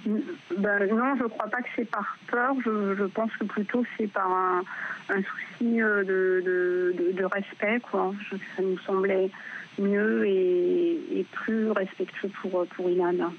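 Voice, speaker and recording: Hesitant man, high-pitched and very creaky. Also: fairly even intonation, takes it slowly. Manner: hesitant, stammering restarts. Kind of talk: unscripted interview remarks. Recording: dull, noisy recording.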